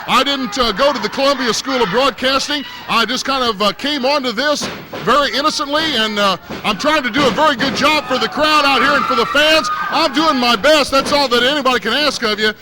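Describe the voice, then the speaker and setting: A man's voice: very high voice, brisk. A man doing live play-by-play commentary for a wrestling match in an arena, folksy and hesitant with frequent fillers. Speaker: play-by-play announcer. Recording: noisy arena recording.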